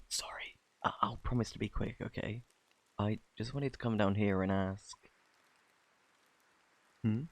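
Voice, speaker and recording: A man with a British accent playing a flirty, bashful, kindly Cupid in an intimate ASMR romance roleplay, softly spoken, stammering and flustered. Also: fairly low pitch, no room sound, exaggerated voice. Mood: gentle, apologetic. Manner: flustered, stammering, halting, apologetic.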